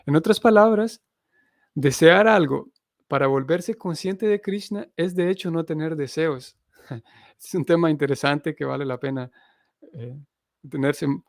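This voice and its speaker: Reading from scripture and explaining it thoughtfully, a Honduran man who teaches as a Hare Krishna missionary delivers a spiritual lecture. His voice is fairly high and gravelly, and the studio sound is clean with no echo.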